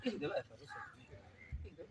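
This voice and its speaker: A man's voice: racing, poor audio. An Egyptian man, a charity founder, coaxing and soothing a homeless man outdoors on a sunny street, pleading and affectionate. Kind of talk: coaxing street outreach talk. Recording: loud street noise behind.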